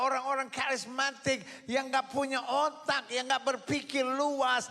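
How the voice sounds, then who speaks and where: Man, pastor, very high and ringing voice, shouting sermon, live in a large reverberant church. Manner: preaching with shouted repetitions and crowd call-and-response. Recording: long reverb of a large hall.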